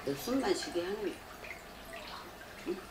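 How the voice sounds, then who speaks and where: A woman's voice: fairly low pitch, animated, unhurried, echoey room, noisy background. A woman shaman fortune teller bluntly counseling a client, scolding her and pressing with rhetorical questions.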